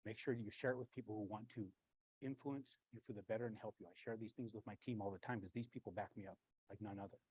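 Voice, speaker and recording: A man, a branch manager, giving a blunt, animated storytelling talk with frequent swearing and a husky voice. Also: on the low side, fast talker, dry recording, rough recording.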